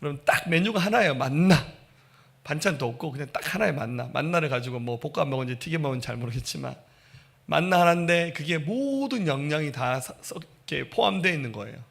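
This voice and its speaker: A man preaching a sermon as pastor, telling the story with animated delivery and speaking straight to his congregation. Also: on the high side, a little fast, gravelly. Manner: animated storytelling preaching, acting out quoted voices; addresses congregation directly.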